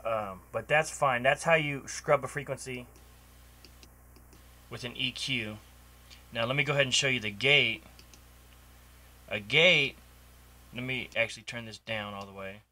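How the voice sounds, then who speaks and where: Unhurried and prone to long pauses, a man with a medium-pitched, bright, forceful voice demonstrates recording on a cheap microphone at home. He rambles through the tutorial with ums and restarts while a computer runs and a door stands open nearby.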